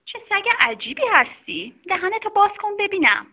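A woman's voice: very high voice, big pitch swings, voice pushed up. A woman voicing a stern female doctor who scolds a misbehaving dog in a children's story. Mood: examining. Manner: scolding, firm. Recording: dull lo-fi recording.

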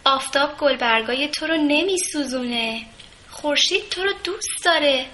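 A woman voicing a kind, motherly rose bush that gently coaxes and advises a timid bud. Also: sits high, lively intonation, a little hiss or hum, voice pushed up. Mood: coaxing.

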